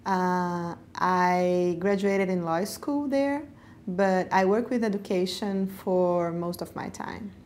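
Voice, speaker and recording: A woman from Brazil speaks reflectively in a personal interview about job hunting, searching for words and using frequent fillers. Her voice is lowish and a little mellow, her pace slow, and there's a little hiss or hum in the recording.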